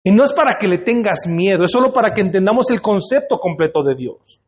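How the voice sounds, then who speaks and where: A man's voice: sits high, lively intonation, fairly quick. A male pastor, preaching in a church and putting questions to the congregation in a conversational way. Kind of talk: sermon. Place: church hall.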